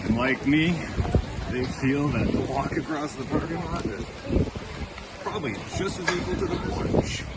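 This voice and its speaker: A man's voice: on the high side, expressive, normal speed. A man reporting on location at an outdoor event, interviewing in a jokey, theatrical way. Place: outdoors at a rainy, windy waterfront event. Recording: noisy outdoor location sound.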